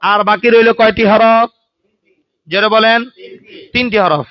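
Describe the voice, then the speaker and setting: This religious teacher, a man with a high-pitched, unhurried voice, leads a Quran recitation lesson. He prompts students to answer out loud and slips in colloquial jokes, all captured in a dry, dull, lo-fi recording.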